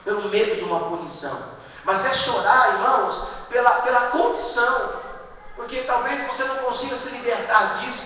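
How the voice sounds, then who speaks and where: A man preaching a sermon as pastor, with a Brazilian Portuguese accent, emphatic, full of rhetorical questions and sudden loud bursts. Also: extremely high pitch, moderate pace, lo-fi sound, a little hiss or hum. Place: church hall. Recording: echoey live-stream from far off in a hall.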